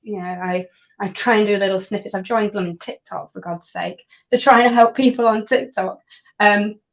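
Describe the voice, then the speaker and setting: A woman's voice: medium pitch, fairly even intonation, moderate pace, highs cut off. A woman, a pilot and nutrition coach, talking enthusiastically as an interview guest with frequent restarts. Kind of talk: conversational interview.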